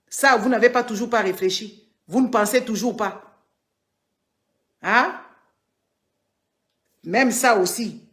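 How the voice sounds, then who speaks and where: Scolding woman. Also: mid-range voice. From Democratic Republic of the Congo. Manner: scolding, emphatic, repeats words for force. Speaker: online political commentator. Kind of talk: live-stream commentary answering viewers.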